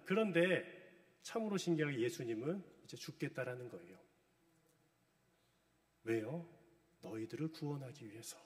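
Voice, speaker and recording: A man's voice: fairly high pitch, darkish tone. A middle-aged man preaching a sermon, telling a story with feeling and asking his listeners questions. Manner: storytelling, retelling a drama with emotion. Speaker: pastor. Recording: long hall reverb.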